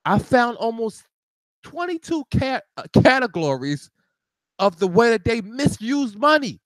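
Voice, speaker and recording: Show host, male, high bouncy voice, animated rant, close dry mic. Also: unhurried, dry recording, poor audio. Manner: animated ranting with laughs and repeated restarts. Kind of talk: live talk show monologue.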